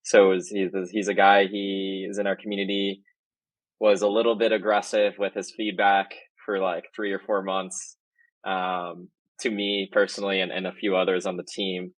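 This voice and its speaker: A man's voice: deep voice, completely flat delivery, moderate pace, no echo, rough recording. A man, a marketing executive guest, telling a rambling anecdote in casual podcast chat and often correcting himself mid-sentence.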